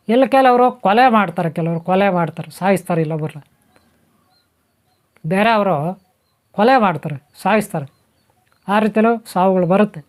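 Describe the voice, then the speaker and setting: Man, high voice, spiritual talk, repetitive, rhetorical questions. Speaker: spiritual teacher. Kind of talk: spoken talk on spiritual topics.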